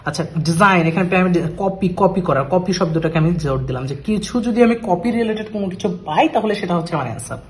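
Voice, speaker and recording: A man teaching an IELTS reading lesson, talking through the steps in Bengali and reading the English phrases out slowly. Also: high-pitched. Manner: switches between Bengali and English terms, reads English phrases slowly. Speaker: IELTS tutor. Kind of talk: screen-share lesson walkthrough.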